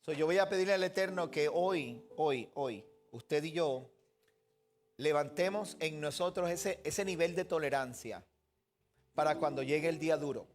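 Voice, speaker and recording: Earnest preaching man, fairly high voice. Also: normal speed. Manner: earnest, questioning the listeners directly. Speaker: pastor. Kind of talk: sermon.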